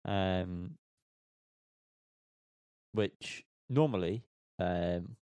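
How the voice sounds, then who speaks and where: Guy co-hosting a music podcast, kinda low smooth voice, dry sound, laughs a lot. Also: drawn-out words, mellow, no echo. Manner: jokey, laughing, stumbles over names. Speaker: podcast co-host reviewing music. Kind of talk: casual chat.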